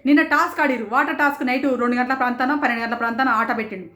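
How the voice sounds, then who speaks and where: A woman reviewing a reality show in rapid, indignant commentary, firing off rhetorical questions. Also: sits high, steady tone, fairly bright tone, roomy sound. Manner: rapid, rhetorical, indignant, quotes others in raised voices. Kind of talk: passionate commentary.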